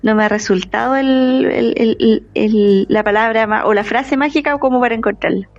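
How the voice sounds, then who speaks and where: A woman's voice: fairly high pitch, normal speed, creaky, highs cut off. A woman co-hosting a casual podcast, responsive and reminiscing. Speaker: podcast co-host.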